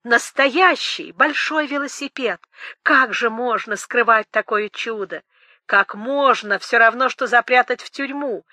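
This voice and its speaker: A woman voicing an excitable middle-aged man who talks in a bleating, delighted voice and keeps exclaiming. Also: fairly high pitch, measured pace, no room sound, clean studio sound. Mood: ecstatic.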